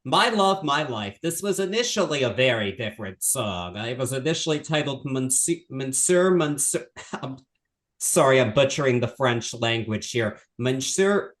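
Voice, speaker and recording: A man co-hosting a music podcast in casual discussion, chatty, opinionated and quick to poke fun at himself. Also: mid-range voice, animated, a bit bright. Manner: chatty, self-deprecating, opinionated. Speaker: podcast co-host.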